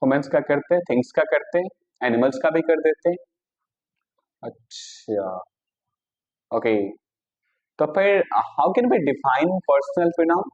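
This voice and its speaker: Indian man teaching grammar, fairly high voice. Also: animated, a little mellow, muffled recording. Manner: mixes Hindi and English, repeats "theek hai sir", dictates sentences slowly; argues playfully with imagined student questions. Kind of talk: classroom board lesson.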